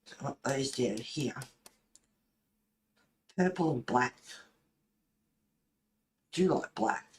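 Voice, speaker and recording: A woman with an extremely low, expressive voice speaks slowly, chatting casually while she colours for her colouring channel and musing aloud in short, loose phrases. The mic sits at a distance in an echoey room, with faint noise in the background.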